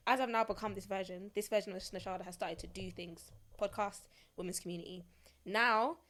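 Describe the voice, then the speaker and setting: A young adult woman hosting a podcast in casual, animated chat, often laughing. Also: medium pitch, a little fast. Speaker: podcast host.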